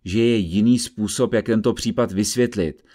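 A man voicing a stern, agitated judge who speaks in an insistent, forceful way in an audiobook reading. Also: fairly low pitch, natural voice.

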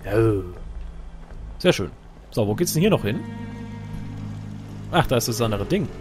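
A man's voice: medium pitch, sing-song, unhurried, over music. A man giving casual, joking let's play commentary while he plays, talking to himself and his companion.

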